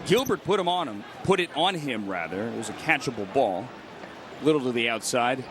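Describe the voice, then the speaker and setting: A man's voice: medium pitch, expressive, brisk. A man calling American football play-by-play in short, punchy phrases from a stadium. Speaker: play-by-play announcer. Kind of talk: live American football commentary. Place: outdoor football stadium broadcast. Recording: loud outdoor stadium noise behind voice.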